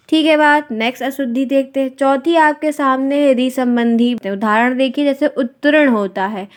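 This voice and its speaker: Teaching an exam-prep language class, a woman with a slightly high, clean-toned voice repeats every example word twice at a slow pace. She slips English words into her speech and questions the class before answering herself.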